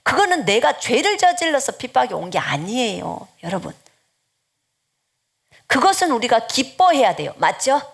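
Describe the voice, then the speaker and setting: A woman's voice: on the high side, big pitch swings, normal speed, creaky. Earnest woman preacher, sometimes whispering. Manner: earnest exhorting preaching, often dropping to a whisper. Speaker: missionary preacher. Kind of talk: sermon.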